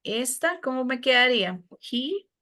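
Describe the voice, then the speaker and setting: A woman with a Costa Rican Spanish accent teaches a class, unhurried and patient as she walks students through each step. Her voice sits a little high for a woman. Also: lively intonation. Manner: patient, explanatory, warm with students. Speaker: English teacher. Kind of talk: classroom lesson explanation.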